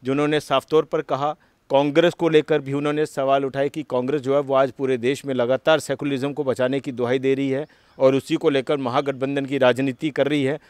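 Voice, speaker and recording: A male news anchor from closing a political interview with formal, measured commentary. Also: medium pitch, little pitch movement, a little mellow, clear, resonant tone, no echo.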